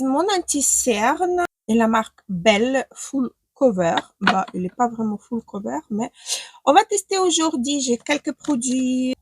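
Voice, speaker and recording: A woman from Ukraine does her makeup at home by daylight while chatting casually to camera, hesitant and thinking aloud; she speaks a non-native language, not French, with a Ukrainian accent. Her voice is high and fairly bright, with no room sound.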